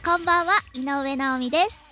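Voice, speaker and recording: A woman's voice: sits high, brisk, over music. A woman with a cute anime-girl voice chats casually and politely as an interview guest. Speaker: guest, voice actress, idol and musician.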